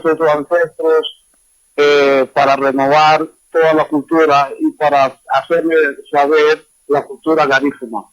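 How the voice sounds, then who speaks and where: A guest musician from Honduras tells a story in an online class interview, relaxed and rambling, full of fillers and asides. His voice is somewhat high. The remote call audio is dull, dry, and lo-fi, with little room sound.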